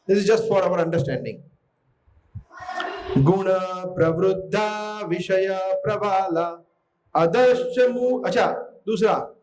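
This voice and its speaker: A man's voice: high-pitched, poor audio. A man teaching Sanskrit verse recitation in an online class, patiently drilling pronunciation syllable by syllable and slipping English words into his explanations.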